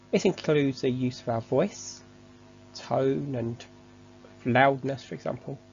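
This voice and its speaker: A man giving a measured, structured, scripted online lesson as a course instructor. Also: on the high side, vocal fry, a little mellow, highs cut off.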